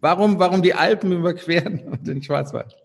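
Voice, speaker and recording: A man's voice: high voice, brisk, creaky, long reverb tail, a little hiss or hum. A young man co-hosting a podcast, asking loose, rambling questions with restarts. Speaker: podcast co-host.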